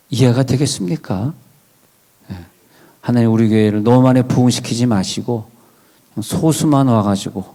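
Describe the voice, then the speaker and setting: A man's voice: mid-range voice, warm tone. A male pastor giving a sermon in a church, conversational, with wry asides and questions to the congregation. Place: church sanctuary.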